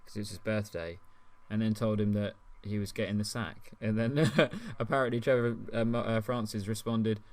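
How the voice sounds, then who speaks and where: Podcast co-host, man, low-pitched and rambling, chuckling at his own anecdotes. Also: steady tone, moderate pace, few pauses, a little mellow. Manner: rambling, lots of ums, laughs at his own stories. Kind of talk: casual comedic podcast chat.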